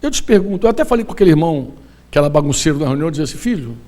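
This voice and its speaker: A man with a high-pitched voice preaches in a Brazilian Portuguese accent, speaking to pastors and leaders at a conference. His sermon is loose and conversational, full of slang and quick questions to the crowd. He sounds like he is standing before a room. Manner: animated, colloquial preaching with slang and audience questions. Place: conference hall.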